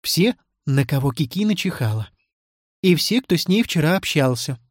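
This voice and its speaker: A woman's voice: low-pitched, expressive, moderate pace, no room sound, clean studio sound. A woman voicing a fussy female school nurse who speaks in a worried, matter-of-fact way.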